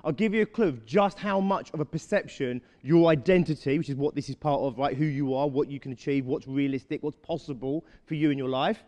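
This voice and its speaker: A man giving a live motivational talk to a young audience, often checking in with quick rhetorical questions. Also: a little high, a little mellow, big-room sound. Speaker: motivational speaker.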